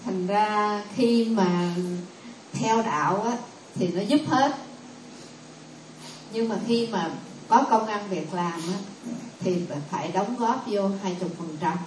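Casting: female audience speaker, earnest and deferential, distant in a reverberant hall with steady background noise. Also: medium pitch, slow. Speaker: audience member giving her view. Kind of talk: speaking up at a temple discussion.

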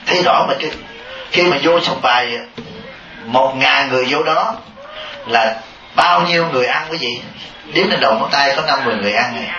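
A man giving a Buddhist Dharma talk to a congregation, lively and teasing, often asking the listeners questions. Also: mid-range voice. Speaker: Buddhist monk. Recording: dull, echoey hall audio from a distance with noise.

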